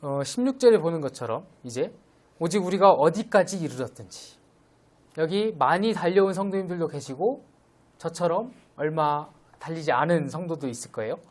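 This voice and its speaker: Young man, preacher, midweek sermon, conversational, gently teasing. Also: a little high, lively intonation, brisk. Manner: conversational, gently teasing, acts out quoted voices.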